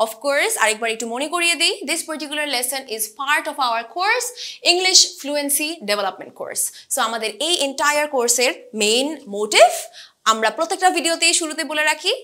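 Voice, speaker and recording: A young woman gives an online English lesson. Her high, animated voice swings widely in pitch as she slows down to stress each English term. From Bangladesh. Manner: slow, careful stress on English terms, mixing Bengali and English. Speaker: English pronunciation instructor. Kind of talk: online lesson explaining grammar.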